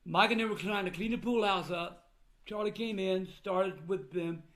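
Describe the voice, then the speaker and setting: Old man, high-pitched for a male, blunt grandfatherly delivery, informal personal vlog talk. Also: moderate pace, a bit bright. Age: older. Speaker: vlogger recounting family troubles. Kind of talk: casual personal talk to viewers.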